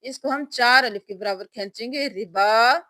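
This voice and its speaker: A woman teaching Quran reading in a tajweed lesson, spelling out each letter and then reciting the word slowly and drawn out. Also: a little high, fairly bright tone, dry recording.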